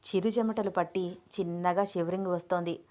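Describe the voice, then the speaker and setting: A woman reading a serialized romance story aloud in a steady, descriptive narrating manner. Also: on the low side, a little fast.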